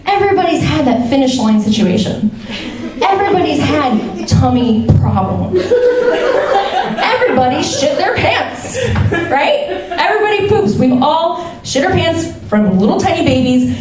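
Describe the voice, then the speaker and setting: A woman telling a funny personal story on stage, animated and self-mocking, laughing as she goes. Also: high-pitched, moderate pace, recorded from a distance, crowd noise. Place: stage before a live audience. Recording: roomy hall, mic from afar, audience. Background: audience laughter.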